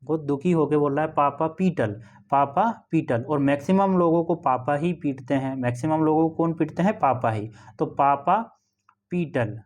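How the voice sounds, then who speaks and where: Man teaching, fairly high voice. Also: moderate pace, darkish tone. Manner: explanatory, repeats phrases with frequent "है ना" checks. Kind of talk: exam-prep memory tricks lesson.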